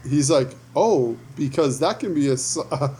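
A man's voice: a little high, lively intonation, moderate pace, mellow, slight background noise. A man co-hosting a casual chat show, telling stories and acting out the people he quotes, swearing freely. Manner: profane storyteller, acts out quoted dialogue. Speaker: podcast co-host.

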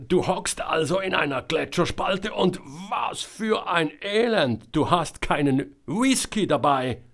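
A man voicing a loud, boisterous male boss who roars, jokes and teases. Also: a little high, animated, slow, voice pushed up, heavily acted. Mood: roaring teasing. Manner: roaring, laughing, teasing.

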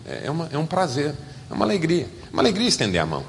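A man with a Brazilian Portuguese accent preaching a sermon as a pastor, animated and swinging from loud to soft. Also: fairly high pitch, racing, gravelly, long reverb tail, slight background noise.

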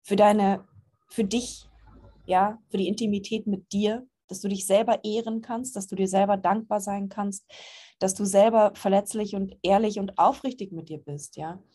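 A woman's voice: medium pitch, fairly even intonation, normal speed, warm tone, slightly rough. A woman giving a casual, earnest talk as a spiritual course teacher, reassuring listeners and dropping frequent "ja" fillers.

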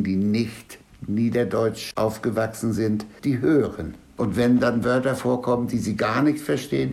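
A man, a reciter of dialect poems and jokes, answering interview questions and telling a joke in a measured way with hesitant fillers. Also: mid-range voice, creaky, darkish tone.

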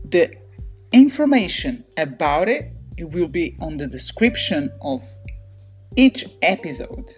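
A woman hosting a podcast interview, upbeat and welcoming as she introduces and questions her guest. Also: sits low. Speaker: podcast host.

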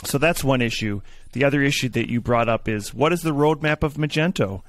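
A man's voice: medium pitch, fairly quick, no room sound. Rambling sarcastic man talking shop. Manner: rambling, sarcastic, many fillers and restarts. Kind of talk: casual tech discussion.

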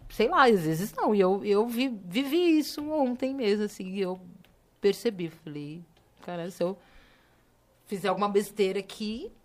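A woman's voice: medium pitch, lively intonation, normal speed. A woman, co-hosting a podcast in casual, slangy chat and often checking that others follow. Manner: slangy, emphatic, frequent "entendeu?". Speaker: podcast co-host.

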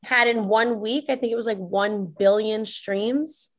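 A woman's voice: on the high side, measured pace. A woman speaking casually as a guest on a podcast, over a video call. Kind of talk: casual fan chat.

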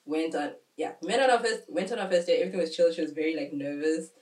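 A woman's voice: sits low, quick pace, darkish tone. A young woman co-hosting a podcast, telling a dating story in slangy casual chat and laughing often. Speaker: podcast co-host. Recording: roomy, distant mic, faint noise.

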